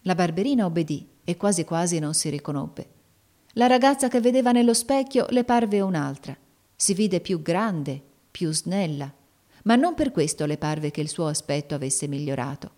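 Low-voiced woman narrating a novel. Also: expressive, moderate pace, mellow. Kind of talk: audiobook reading.

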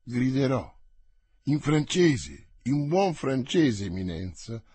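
A man's voice: mid-range voice, big pitch swings, slow pace, darkish tone, breathy edge, no room sound, heavily acted. A man voicing a scheming, anxious older cardinal minister in an audiobook, speaking in a wheedling, insistent way. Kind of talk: audiobook character voice.

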